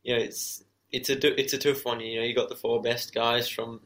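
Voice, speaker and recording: A man's voice: medium pitch, flat delivery, moderate pace, a bit bright. A man giving casual interview answers as a racer, modest and understated, with many conversational filler phrases. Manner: modest, understated, leans heavily on "you know". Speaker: professional motorcycle racer being interviewed.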